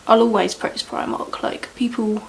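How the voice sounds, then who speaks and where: A woman's voice: a little high, steady tone, moderate pace, vocal fry, a little hiss or hum, low-quality recording. A young woman chatting casually in a rambling way while doing her makeup at home, with lots of fillers. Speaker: beauty vlogger.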